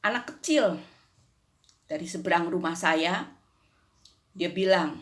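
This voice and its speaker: A woman's voice: lowish voice, slow, fairly bright tone. An older woman recounting a faith experience in an easy, conversational manner. She drops in little tag questions and acts out the dialogue as she goes. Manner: conversational, frequent "gitu ya" tags, acts out dialogue. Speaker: churchgoer giving testimony. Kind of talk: personal faith testimony.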